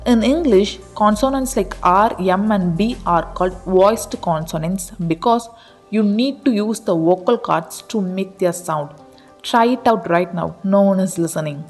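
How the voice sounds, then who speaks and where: A woman narrating a pronunciation explainer in an even, read-aloud delivery. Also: medium pitch, a little slow, soft background music. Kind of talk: scripted narration of an article.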